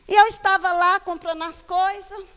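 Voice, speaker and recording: A woman pastor with a Brazilian Portuguese accent, preaching a sermon in a church hall and moving between animated storytelling and scolding the congregation. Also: very high voice, moderate pace. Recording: long church reverb.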